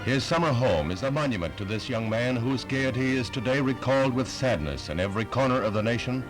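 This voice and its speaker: A man's voice: mid-range voice, animated, brisk, over music. A man narrating a 1960s newsreel with a solemn, stately delivery.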